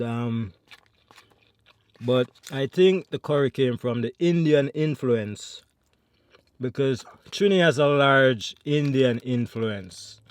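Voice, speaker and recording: Jamaican man, food vlogger, unhurried chatty delivery to camera, dead-dry sound. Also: mid-range voice, dry recording. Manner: chatty, talks between bites, addresses viewers. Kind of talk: mukbang eating vlog chat.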